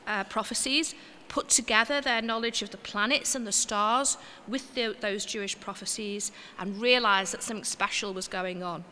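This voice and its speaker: A woman giving an informal sermon in a church, chatty and homely, with gentle self-mocking asides. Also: mid-range voice, long reverb tail, slight background noise. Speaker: preacher.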